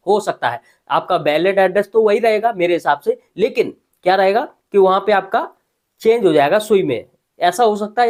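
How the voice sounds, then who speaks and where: A man, talking casually as host of a tutorial voice-over, often adding "ठीक है". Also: high voice. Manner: conversational, repeats filler "ठीक है". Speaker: crypto news host. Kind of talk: screen-recorded tutorial voice-over.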